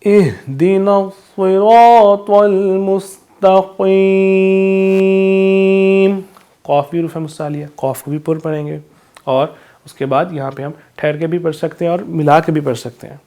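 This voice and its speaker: A man with a Pakistani Urdu accent teaching a class, explaining recitation rules and chanting verses slowly. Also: fairly high pitch, flat delivery, darkish tone. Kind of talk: classroom lesson on Quran recitation.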